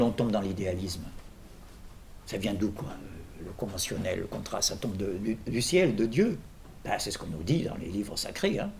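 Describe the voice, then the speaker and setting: A man's voice: on the low side, a little hiss or hum. A man lecturing on philosophy in an informal workshop, digressing with jokes and questions to his audience.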